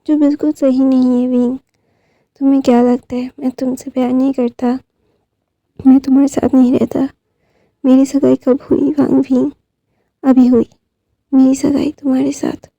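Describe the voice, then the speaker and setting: A woman voicing a young man, a doting fiancé who talks in a soft, coaxing way. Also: high-pitched, no room sound, highs cut off.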